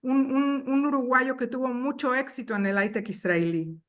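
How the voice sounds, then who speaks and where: A woman on an online panel, speaking warmly and sometimes searching for words. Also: high-pitched, normal speed. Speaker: chamber of commerce director, panelist.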